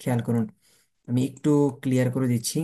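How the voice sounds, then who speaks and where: A man's voice: mid-range voice, completely flat delivery, fast, mellow. A man teaching a beginner language lesson, asking rhetorical questions and answering them himself, spelling words out letter by letter.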